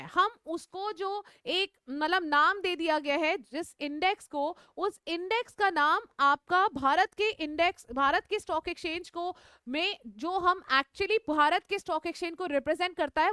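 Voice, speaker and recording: A woman's voice: extremely high pitch, pushed and bright, no echo, studio quality. A woman teacher giving a live online class, repeating key points, checking in with students and mixing English phrases into her speech. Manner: mixes English phrases into Hindi.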